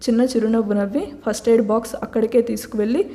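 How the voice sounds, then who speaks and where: A woman storyteller narrating a serialized love story at a steady, plain pace. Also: on the high side, rapid-fire, big-room sound.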